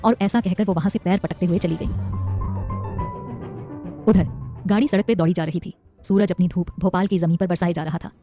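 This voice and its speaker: A woman narrating a dramatic story in a brisk scripted style. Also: on the low side, steady tone, mellow, soft background music.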